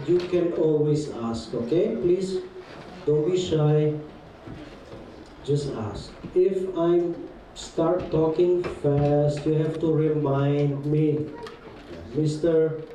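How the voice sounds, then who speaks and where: A German-accented man teaching a class, friendly and teasing, speaking slowly and carefully. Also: on the high side, dark tone, a little hiss or hum. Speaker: guest teacher. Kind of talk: classroom talk. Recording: echoey hall from far off.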